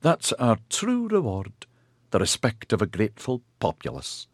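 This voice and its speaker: A man's voice: lowish voice, huge pitch swings, unhurried, husky, no echo, studio quality, pitched above the performer's own voice, exaggerated voice. A man voicing a boisterous, cheerful young man who talks exuberantly. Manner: exuberant, laughing.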